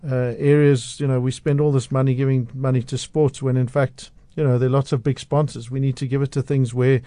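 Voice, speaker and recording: Recorded dry on a studio microphone, a South African man speaks as a media-analyst guest in a radio interview. He is outspoken and passionate, often restarting sentences, and talks fairly quickly in a dark, mid-range voice with flat delivery.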